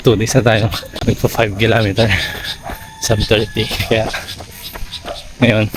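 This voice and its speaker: A man's voice: on the low side, little pitch movement, unhurried, background noise. A Filipino man chatting casually to his vlog viewers while running outdoors. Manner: talking while running and walking, exerting. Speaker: running vlogger.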